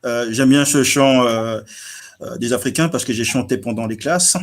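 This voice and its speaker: A man from France introduces himself as a guest in a plain, middle-pitched voice. He speaks haltingly, stopping on fillers between short phrases. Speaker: guest, former soldier and school educator. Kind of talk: casual self-introduction.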